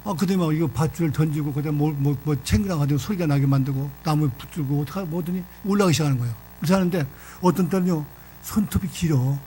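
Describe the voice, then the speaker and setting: Fast-talking older pastor telling a story. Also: male voice, a little high, a little hiss or hum. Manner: lively storytelling, folksy asides. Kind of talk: sermon. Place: church.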